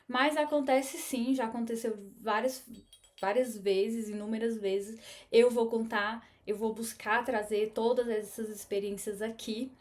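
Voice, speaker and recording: A Brazilian woman whose voice sits a little high. She speaks earnestly and conversationally, as if confiding in viewers, and keeps checking in with small tag questions. She has the relaxed flow of a personal storytelling vlog. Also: a little slow. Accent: Brazilian Portuguese. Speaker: spiritual teacher and medium.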